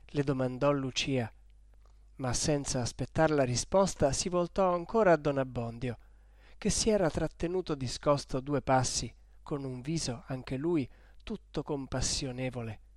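A man reading a classic novel aloud in a measured, expressive way. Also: medium pitch, dry recording, clean studio sound. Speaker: audiobook reader. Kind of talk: scripted literary narration.

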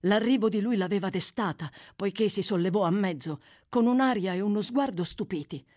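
A woman narrating a classic novel with a dramatic, expressive reading. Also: medium pitch, brisk. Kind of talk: audiobook narration.

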